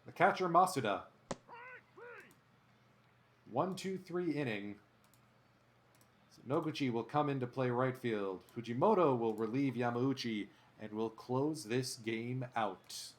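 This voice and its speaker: A man's voice: medium pitch, unhurried, long pauses, a little hiss or hum. A man streaming a baseball video game, calling each play like a sportscaster and chatting with his viewers between plays. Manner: animated sportscaster-style calls. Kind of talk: play-by-play commentary while gaming.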